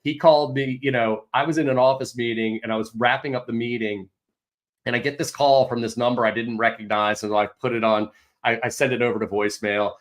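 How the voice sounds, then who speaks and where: Man, real estate host, casual livestream chat, animated storyteller, mid-pitched voice, mild swearing. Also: a little fast.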